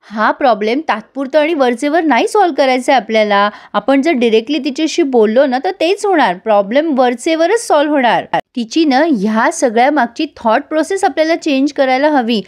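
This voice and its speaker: A bright, teasing young wife who is always upbeat, as a woman storyteller puts her on. The voice sits a little high, playful and self-assured. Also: animated, a little fast, hardly any pauses. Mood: confident. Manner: teasing, chirpy.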